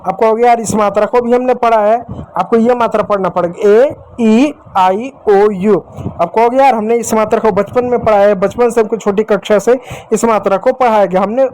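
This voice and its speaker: A man's voice: high voice, a little mellow, poor audio. A male teacher giving a beginner's lesson, patiently addressing viewers as dear children and sounding out words one by one. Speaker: English teacher.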